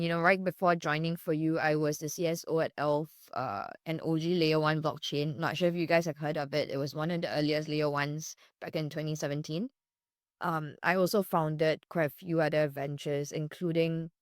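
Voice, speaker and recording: A woman from Singapore, a startup co-founder, chatting casually as a guest, relaxed and full of fillers. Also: sits low, no room sound, studio quality. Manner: relaxed, hedging with fillers, laughs often. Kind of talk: casual interview chat.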